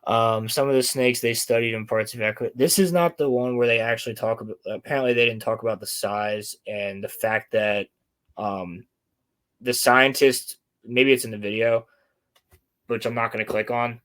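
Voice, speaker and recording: A male host with a mid-range voice chats casually with a co-host. He presents his topics and reads articles out loud. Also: medium pitch, fairly even intonation, moderate pace, clear, resonant tone. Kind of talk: casual chat and reading articles aloud.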